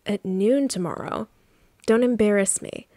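A bossy, controlling rich mother gives curt commands in a quick, brisk voice, read out by a woman streaming a game. The pitch stays middling and the sound is dry and close. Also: warm tone, no room sound. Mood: stern.

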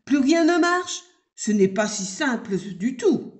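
A woman's voice: sits high, very animated, slow pace, heavily acted. A woman voicing a flustered male town mayor in a children's story. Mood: anxious.

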